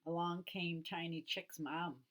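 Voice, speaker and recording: A woman teacher reading a children's picture book aloud in an expressive storytelling way. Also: on the low side, measured pace.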